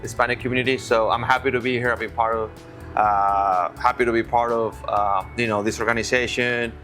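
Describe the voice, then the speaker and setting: A man's voice: medium pitch, fairly even intonation, a little fast, bright, forceful tone. Man, friendly, casual chat, faint background music. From Venezuela. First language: Spanish. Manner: friendly, easygoing, repeats words while thinking. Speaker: co-host.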